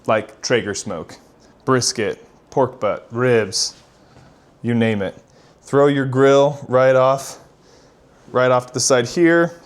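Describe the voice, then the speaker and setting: A man's voice: medium pitch, slow, long pauses. A man working as a real estate agent gives a casual walk-through home tour in an upbeat, enthusiastic manner.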